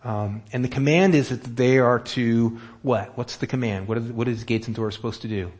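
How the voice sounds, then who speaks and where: A man's voice: medium pitch, moderate pace, a little mellow. A man preaching a sermon in a casual, conversational way, asking his listeners questions as he goes. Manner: conversational, asks the room questions. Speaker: pastor.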